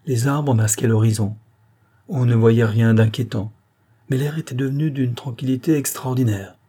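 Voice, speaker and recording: A man narrating a classic novel as an audiobook, measured and even. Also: mid-range voice.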